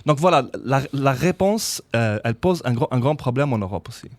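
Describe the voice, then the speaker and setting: A man's voice: medium pitch, expressive, fairly quick, no echo. A man with a mid-range voice speaks analytically on a radio panel discussion. He sometimes repeats words. The sound is dry and close. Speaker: radio debate guest.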